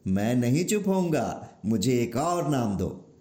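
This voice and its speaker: A man voicing a stubborn divine boy who keeps demanding names, speaking slowly and insistently in a storybook telling. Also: mid-range voice, very animated, mellow, echoey room, pitched below the performer's own voice. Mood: defiant. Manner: slow, insistent, defiant. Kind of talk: storybook narration.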